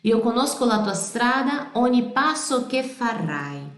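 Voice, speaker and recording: A Brazilian woman with a Brazilian Portuguese accent teaching Italian pronunciation, singing song lines slowly and explaining in quick bursts. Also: on the high side, sing-song, echoey room. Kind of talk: pronunciation lesson.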